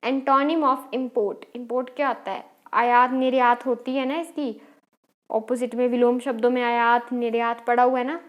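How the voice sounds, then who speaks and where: A woman's voice: fairly high pitch, flat delivery, a little slow, muffled recording. A woman teacher with an Indian English accent, explaining English exam questions step by step and quizzing her students. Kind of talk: exam-prep English lesson.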